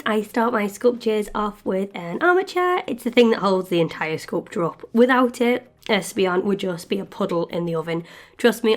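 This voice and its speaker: Female host, stuffy congested voice, chatty rambling tutorial delivery. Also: medium pitch. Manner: chatty and rambling, with frequent asides. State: stuffy voice from a lingering chest infection. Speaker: clay sculpting channel host. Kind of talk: casual tutorial talk.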